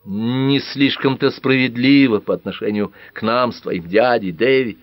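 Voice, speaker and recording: An anxious, round-faced foster mother speaks in a trembling way, as a man puts her on. The voice is pitched high and lively, and the reading is dry and close. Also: moderate pace, no echo, lo-fi sound. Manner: anxious, tremulous.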